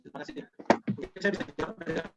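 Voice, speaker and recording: A man's voice: on the high side, big pitch swings, background noise. Man on a choppy, glitchy call. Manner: hesitant, many pauses and fillers. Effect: choppy audio breaking up over a video call. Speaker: official answering press questions. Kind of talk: answering questions in an online press conference. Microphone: video call.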